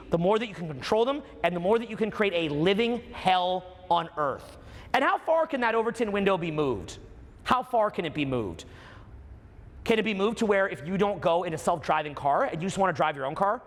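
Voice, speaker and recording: A man's voice: high voice, a bit bright. A man giving a spiritual motivational talk, dramatic and emphatic, piling up rhetorical questions. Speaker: motivational speaker. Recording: echoing hall with long reverb.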